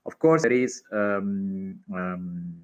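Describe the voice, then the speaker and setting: Guy on a glitchy video call, audio freezing and cutting out, slow and lowish voice, lots of ums. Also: lo-fi sound. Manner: halting, with many fillers. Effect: choppy video-call audio that freezes and breaks up. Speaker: panelist. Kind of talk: remote panel discussion.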